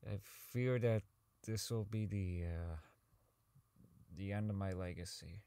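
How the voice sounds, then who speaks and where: Voicing a bitter, awkward company owner in an audio drama, this man stammers and rambles through his log while sliding into madness. The mood is weary and bitter, and he's self-loathing and foul-mouthed. His lowish voice is dark and clean, at a measured pace.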